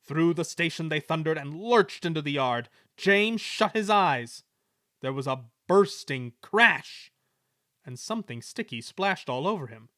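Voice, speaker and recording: A man narrates a children's storybook with an animated, wide-ranging voice that sits a little high for a man. The reading is close-miked and dry, with no room sound. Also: measured pace, no echo. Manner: expressive storytelling delivery. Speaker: storybook reader.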